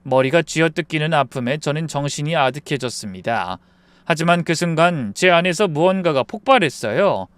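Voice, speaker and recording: Guy narrating a dramatic family story, high lively voice, super clean dry mic. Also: moderate pace, clear, resonant tone, dry recording. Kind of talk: scripted first-person story narration.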